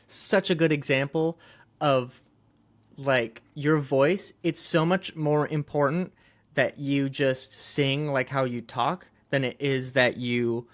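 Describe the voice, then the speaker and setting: A man's voice: medium pitch, fairly bright tone. A man co-hosting a music podcast, talking in a loose, rambling way with lots of fillers and easy laughter. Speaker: podcast co-host. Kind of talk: casual chat about music.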